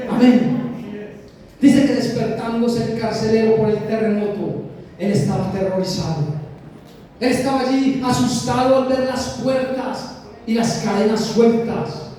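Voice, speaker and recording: A Colombian man with an extremely high, dark voice preaches a sermon in a large church hall, emphatic and repetitive, often calling straight out to the congregation. The recording is echoey and distant, with a little hiss or hum.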